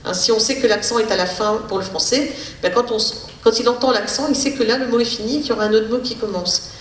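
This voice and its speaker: A woman speech therapist giving a public lecture, explaining in a halting way with many hesitations. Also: on the high side. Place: lecture hall. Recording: roomy hall, distant mic, faint noise.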